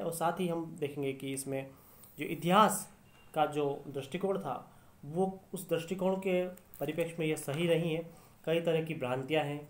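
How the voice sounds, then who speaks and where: A man teaching Hindi literature in a lecture, explaining step by step and repeating key phrases. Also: on the high side. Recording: echoey room.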